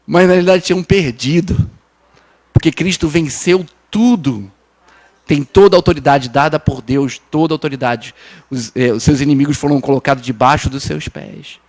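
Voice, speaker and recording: A male pastor with a São Paulo Brazilian accent preaching a sermon. He restarts and repeats words, keeps asking the congregation "né?", and moves between urgent raised lines and soft low ones. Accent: Brazilian Portuguese, São Paulo.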